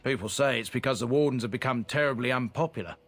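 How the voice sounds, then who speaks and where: Speaking quickly at medium pitch with light acting, a man plays a game's proud merchant of a fallen noble house. His delivery is earnest, blunt, and plain.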